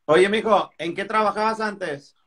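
A man's voice: high voice, measured pace, fairly bright tone. A man, hosting a phone live stream indoors and questioning his guest in crude slang. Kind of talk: casual chat. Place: indoor room. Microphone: phone front camera at arm's length.

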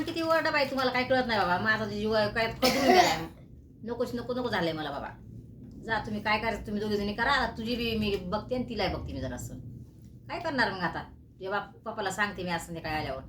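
A woman's voice: medium pitch, a bit bright, echoey room, a little hiss or hum. A middle-aged woman, speaking as a mother, pleading with her daughters to make peace and sounding worn out. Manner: pleading, weary, quick. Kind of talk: pleading family talk.

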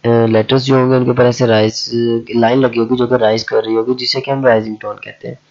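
A man who teaches a language lesson, talking slowly and repeating himself with many fillers. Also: medium pitch, flat delivery, darkish tone. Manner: slow and repetitive, with many fillers. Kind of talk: explaining a lesson. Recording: dull lo-fi audio.

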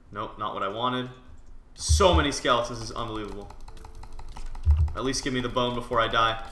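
A man's voice: medium pitch, sharp tone, echoey room, a little hiss or hum. A man giving casual gameplay commentary, often muttering to himself as he plays. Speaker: gaming video host and player.

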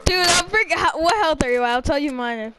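A woman's high voice bursts out in a casual gaming chat. She trash-talks her opponent and is quick to mock herself. A hiss of noise sits under the capture. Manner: excitable, trash-talking, quick to self-mock. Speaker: gamer playing a 1v1 match.

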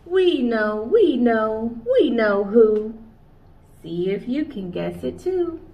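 Slightly high-pitched and very animated, this US children's librarian, a young adult woman, reads slowly from a picture book for kids with a playful sing-song lilt. The small indoor room comes through on a recording that's a bit distant and dull, carrying a faint hiss.

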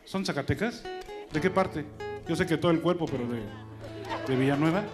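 A man's voice: on the high side, normal speed. Mexican man joking on stage. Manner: joking, chatty, laughing with the audience. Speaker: stand-up comedian. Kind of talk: stand-up comedy with crowd banter. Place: stage in front of an audience. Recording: live show with loud crowd and music.

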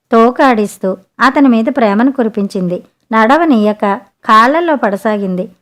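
A woman narrating a children's storybook audiobook in a steady, even way. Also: fairly high pitch.

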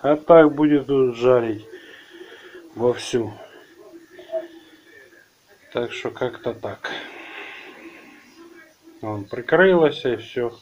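Slow, rambling man fixing a car. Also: mid-range voice, a little mellow, muffled recording. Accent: Ukrainian-accented Russian. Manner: unhurried, rambling, plain-spoken. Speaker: car repair video host. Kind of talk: casual how-to vlog. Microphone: handheld camera, filming his own hands.

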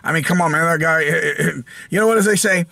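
Bright-voiced American man ranting. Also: a little high, normal speed, gravelly, dry recording. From United States. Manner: rambling and sarcastic, with many restarts and fillers. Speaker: channel host. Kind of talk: casual opinion rant.

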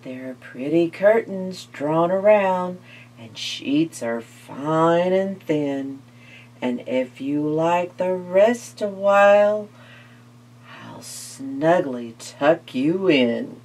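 A woman voicing a cunning male spider in a read-aloud storybook, coaxing in a slow, honeyed way. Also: deep voice, expressive, darkish tone, heavily acted. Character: cunning male spider, smooth sweet-talker.

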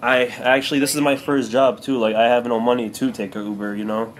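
A man's voice: medium pitch, little pitch movement, fairly quick. A man in his twenties making a casual prank phone call in an earnest, hesitant, oversharing way full of fillers. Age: 20s. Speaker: prank caller. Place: small bare-walled room indoors. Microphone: camera a few feet away. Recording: noisy room recording.

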